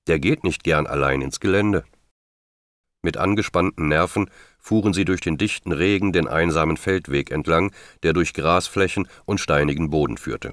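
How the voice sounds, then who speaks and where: Deep-voiced male audiobook narrator. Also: fairly bright tone, dry recording, studio quality. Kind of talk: scripted narration.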